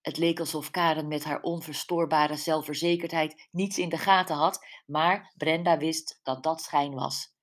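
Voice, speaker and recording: A woman reads a mystery novel aloud as a narrator. Her delivery is calm and even. Her voice sits low. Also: a little slow. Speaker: audiobook narrator. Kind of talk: scripted narration.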